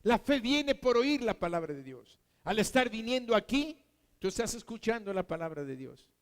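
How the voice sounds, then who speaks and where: A man's voice: sits high, sing-song, normal speed. A man with a Mexican accent preaching a sermon in an earnest, emphatic, repetitive way. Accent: Mexican Spanish. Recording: long hall reverb.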